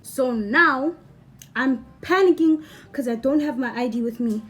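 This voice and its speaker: A young woman vlogger telling a rambling, animated storytime and repeating herself. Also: sits high, unhurried. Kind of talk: storytime vlog.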